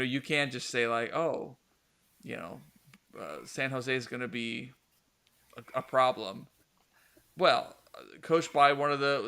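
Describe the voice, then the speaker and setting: A man's voice: mid-range voice, pushed and bright, clear, resonant tone. A man hosting a casual soccer talk show, rambling with many fillers and restarts. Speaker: podcast host.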